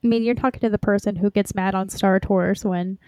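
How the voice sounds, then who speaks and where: A woman's voice: medium pitch, steady tone, a little fast, a little mellow, clean tone, dry recording. A woman in casual fan chat as a podcast co-host.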